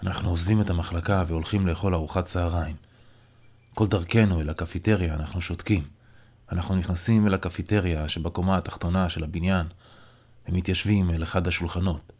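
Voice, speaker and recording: A man narrating a novel aloud in the first person, in a measured, reflective way. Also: deep voice, steady tone, darkish tone. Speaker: audiobook narrator.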